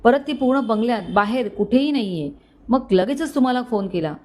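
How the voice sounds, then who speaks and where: A woman's voice: a little high, lively intonation, fairly quick, warm tone, natural voice. A woman voicing an elderly wealthy father who sounds earnest and pleading, in a storybook reading. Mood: worried.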